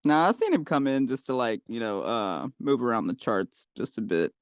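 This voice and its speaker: A man musing casually with other traders in a group voice chat, relaxed and hesitant. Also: medium pitch, normal speed, clear, resonant tone, no room sound. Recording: dull dry online call audio.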